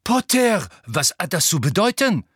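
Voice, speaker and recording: A male audiobook narrator voicing a brisk middle-aged female school nurse, sharp and scolding. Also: medium pitch, lively intonation, breathy edge, no room sound, clean studio sound. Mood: startled. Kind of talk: audiobook character voice.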